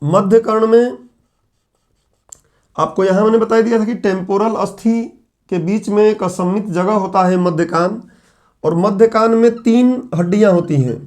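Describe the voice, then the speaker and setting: A man's voice: sits high, normal speed, a little mellow. A middle-aged male teacher with a sore throat lecturing a class at a board, explaining step by step and posing questions that he answers himself.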